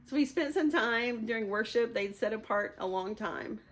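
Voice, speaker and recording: A woman's voice: fairly high pitch, moderate pace. A woman in her fifties sharing a personal testimony, speaking candidly and with emotion, often laughing through hard memories.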